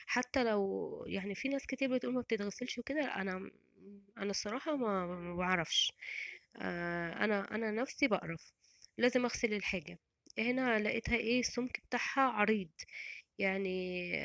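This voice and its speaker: A woman's voice: medium pitch, fairly quick, vocal fry, pauses often, a bit bright, no echo. A middle-aged woman with an Egyptian Arabic accent, chatting in a rambling, casual voice-over about her home cooking. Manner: chatty and rambling, many restarts and fillers.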